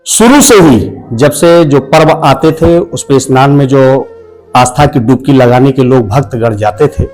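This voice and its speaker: A man from India, a senior journalist, answering an interview in a measured, deliberate way. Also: on the high side, a little mellow, low-quality recording.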